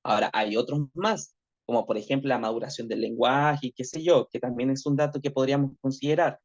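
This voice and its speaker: A man's voice: mid-range voice, steady tone, brisk. A male teacher giving an online class lecture, reflective, checking in with tag questions constantly. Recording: dull lo-fi audio.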